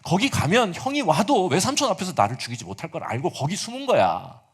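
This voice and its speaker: A man's voice: high-pitched, sing-song, brisk, slightly rough. A male pastor preaching a sermon, retelling a story with casual asides and acted-out quotes.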